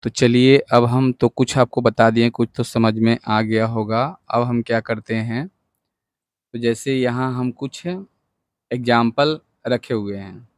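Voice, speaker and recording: A man's voice: mid-range voice, fairly even intonation, takes it slowly, dry recording, studio quality. A male teacher giving a patient lesson at a board, going over each point again and checking that the class follows. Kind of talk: whiteboard lesson.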